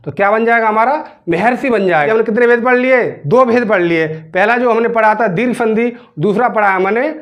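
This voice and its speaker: High-voiced man teaching grammar. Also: a bit bright, lo-fi sound. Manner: asks questions and answers them himself; repeats words slowly while spelling them out. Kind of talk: grammar lesson.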